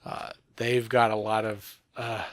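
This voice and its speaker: A man's voice: lowish voice, flat delivery, a little slow, a bit bright, dry recording, studio quality. A man co-hosting a podcast, chatting enthusiastically and rambling about geek news. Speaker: podcast co-host.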